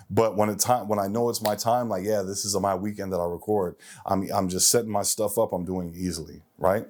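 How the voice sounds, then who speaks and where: A forty-year-old man hosts a self-improvement show, giving an emphatic motivational monologue and repeating phrases for effect. His voice is fairly low with a darkish tone.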